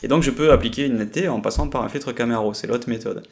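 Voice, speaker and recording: A man records a voice-over for a software lesson, walking through each step at a desktop microphone. He pitches his voice in the middle of the usual range for a man and often pauses and hesitates while he explains. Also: gravelly. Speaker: software trainer. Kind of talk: screen-recorded tutorial.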